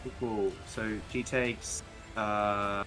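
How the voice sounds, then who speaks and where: A man's voice: on the low side, flat delivery, takes it slowly, bright, forceful tone, faint music behind. An Australian man playing a tabletop game, hesitating with many ums as he decides his moves. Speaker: player.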